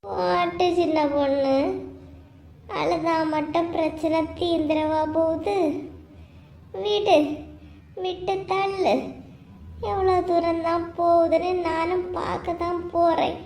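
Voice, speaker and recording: A protective older-sister figure in a cartoon story, soothing and quick to anger, in a Kanyakumari Tamil accent. Her voice sits high yet mellow, with an echoey room sound around it. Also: level tone, a little hiss or hum, full character voice. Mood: indignant. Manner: soothing, then indignant. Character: caring older woman friend, comforting and fiery. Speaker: cartoon character. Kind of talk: cartoon voice acting.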